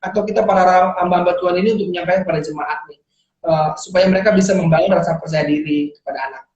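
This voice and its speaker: A woman's voice: lowish voice, steady tone, very fast, a little mellow, echoey room, muffled recording. A woman hosting a casual chat, asking long, rambling questions. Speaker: host.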